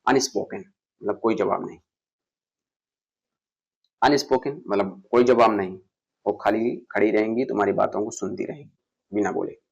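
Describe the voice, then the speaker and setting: Male tutor, gravelly, mid-pitched, drilling vocabulary for exams, dull lo-fi recording. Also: normal speed, long pauses. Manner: asks and answers his own questions, repeats words. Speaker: English vocabulary teacher. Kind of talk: exam-prep vocabulary lesson.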